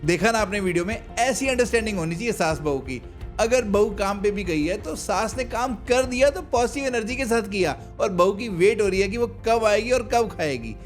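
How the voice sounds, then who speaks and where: A man's voice: high-pitched, expressive, a little fast, soft background music. A man hosting a reaction video as a matchmaker, explaining and advising viewers in casual commentary.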